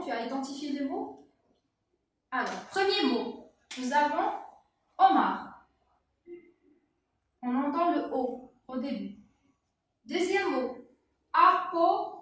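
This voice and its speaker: A young woman teacher with a North African French accent, explaining a reading lesson to young children, patiently repeating words and spelling out letters. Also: high voice. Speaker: primary school teacher. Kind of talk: slow, clear classroom explanation for young children. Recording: echoey room, voice from a distance.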